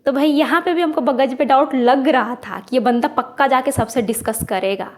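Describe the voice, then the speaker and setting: Female show reviewer, high voice, indignant ranting delivery. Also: brisk. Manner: indignant, ranting, mixes English words. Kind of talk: casual video commentary.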